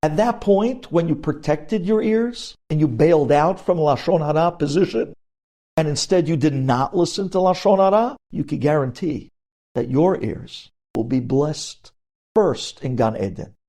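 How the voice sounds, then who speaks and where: Expressive and measured, this man's voice sits on the high side with a dark tone. He's a rabbi giving a lesson on religious law, explaining forcefully and posing questions he goes on to answer.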